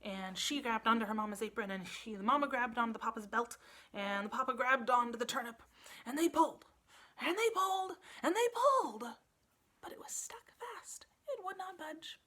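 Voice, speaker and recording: A woman librarian tells a children's story in an animated way, building drama through emphasis and repetition. Her voice is on the high side, and she speaks at a normal speed.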